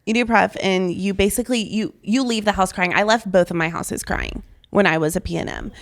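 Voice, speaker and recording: A woman's voice: mid-range voice, brisk. A young woman co-hosting a podcast, telling stories in casual chat with lots of filler words. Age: young adult. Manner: animated, filler-heavy storytelling. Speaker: podcast co-host.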